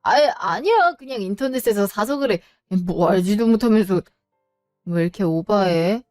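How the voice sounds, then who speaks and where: A woman's voice: medium pitch, animated, moderate pace, darkish tone, no echo, clean studio sound, soft background music, lightly acted. A woman voicing a defensive, irritable husband who brushes off his wife's questions, in an audio drama story. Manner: evasive, snappish, brushes off questions. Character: defensive irritable husband, middle-aged man.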